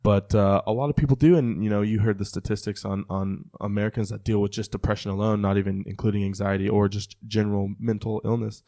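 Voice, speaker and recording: A man's voice: lowish voice, level tone, quick pace, hardly any pauses, mellow. A man co-hosting a podcast, talking casually and using lots of fillers. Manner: chatty, heavy on like and you know. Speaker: podcast co-host.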